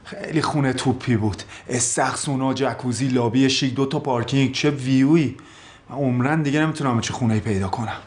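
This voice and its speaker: A man's voice: mid-range voice, darkish tone, a little hiss or hum, lightly acted. An actor playing a vain, touchy famous footballer who boasts and complains to his therapist in a sitcom. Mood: wistful. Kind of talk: sitcom acting.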